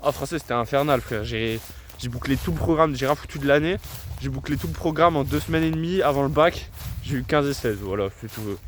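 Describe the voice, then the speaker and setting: A man's voice: mid-range voice, a little fast. Young man, casual vlog, talkative, self-deprecating, slight background hum. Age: late teens. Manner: chatty, self-mocking, laughs often. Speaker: vlogger.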